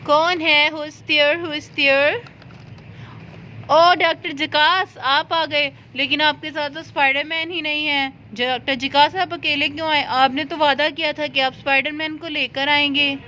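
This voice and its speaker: A woman's voice: sits high, fairly even intonation, hardly any pauses, bright, forceful tone, slight background noise. A woman narrating and playing out a doll story in a cheerful, exclamatory way. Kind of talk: playful doll play storytelling.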